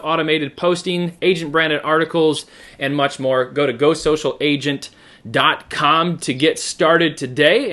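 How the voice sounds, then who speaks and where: A man hosting a live online show, chatty and energetic, with frequent fillers. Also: fairly high pitch. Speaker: host.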